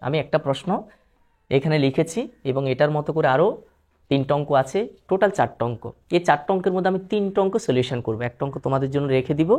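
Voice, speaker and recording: A man's voice: fairly high pitch, darkish tone. A male math teacher with a Bangladeshi Bengali accent, patiently explaining a lesson step by step and mixing in English terms. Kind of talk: classroom math lesson on video.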